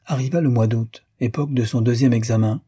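A man reading a classic novel aloud in a measured, even storytelling manner. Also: mid-range voice, husky, no echo, studio quality. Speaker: audiobook narrator. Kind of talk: scripted literary narration.

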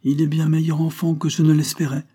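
A man voicing a calm, wry colonist. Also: fairly high pitch, brisk, husky, voice pushed up.

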